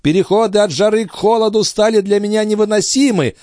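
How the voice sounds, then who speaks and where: A man voicing an ancient, frail male alchemist, wrathful and scornful, with a weak, quavering old voice and shrill shouting outbursts. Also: a little fast, no room sound, studio quality, lightly acted. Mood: weary. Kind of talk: audiobook character voice.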